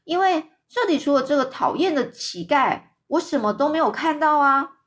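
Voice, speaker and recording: A vain, cruel boy of about ten, all scorn and contempt, as a woman reader puts him on. The voice is high and sharp with disdain, a storybook child turned heartless. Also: expressive, normal speed, close to an everyday voice. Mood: scornful.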